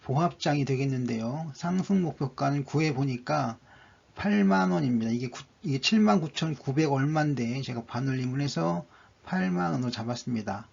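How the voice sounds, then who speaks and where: A man's voice: mid-range voice, moderate pace, vocal fry, a little mellow. A man narrating a stock chart analysis, going methodically through each indicator one by one, on a dull lo-fi recording.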